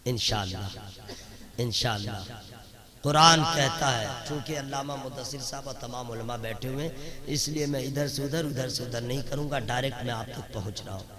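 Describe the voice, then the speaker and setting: A man giving a religious sermon at a public gathering, swinging from loud chanted lines to quick conversational asides and mimicked voices. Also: mid-range voice. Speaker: religious speaker. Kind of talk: Urdu religious sermon to a crowd. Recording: crowd noise behind. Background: crowd.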